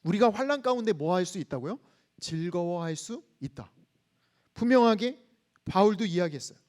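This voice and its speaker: Guy preaching at campus chapel, pretty high voice, goes soft and hushed telling a story. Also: animated, normal speed. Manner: leads the congregation in reading scripture, asks questions back. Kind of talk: sermon.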